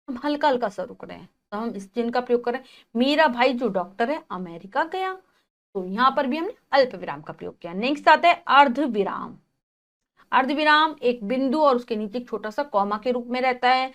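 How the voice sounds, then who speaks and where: Woman teacher, slightly high voice, patient grammar explainer, slows and stresses the examples. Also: fairly bright tone. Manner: reads the text, then explains it again in simpler words. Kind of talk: grammar lesson for children.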